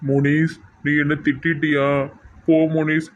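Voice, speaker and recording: A man's voice: fairly high pitch, flat delivery, measured pace, highs cut off, noisy background. A man with a Tirunelveli accent acting in a comedy skit, talking in a teasing, playful way. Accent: Tirunelveli Tamil. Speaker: comedy sketch actor.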